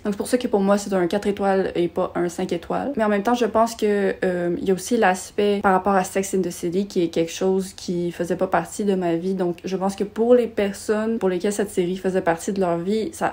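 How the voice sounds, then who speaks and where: On her book vlog, a young woman with a Quebec French accent chats casually about what she's read. Her voice is medium-pitched and dark, and she tends toward self-deprecation and small rants.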